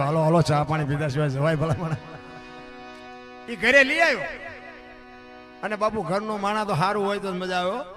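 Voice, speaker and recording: A man telling a folk story in a sermon, acting out villagers' voices. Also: high-pitched. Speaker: storyteller preacher.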